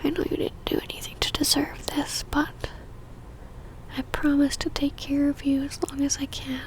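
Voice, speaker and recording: In an ASMR roleplay, a woman plays a possessive, lovesick female vampire, whispering breathily in a halting, pleading, tender way. Her voice sits high, and her delivery is completely flat.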